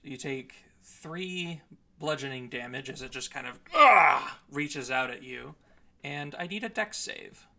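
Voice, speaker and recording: A young man narrating as dungeon master in an online tabletop game, describing scenes in a measured way with some hesitations. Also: mid-range voice, vocal fry, pushed and bright.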